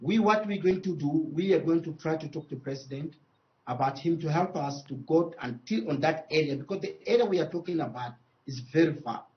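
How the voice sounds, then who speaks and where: Speaking as a traditional leader in a news interview, a man with a Congolese accent talks emphatically, repeating phrases and pausing haltingly. His voice sits a little high, and the highs are cut off.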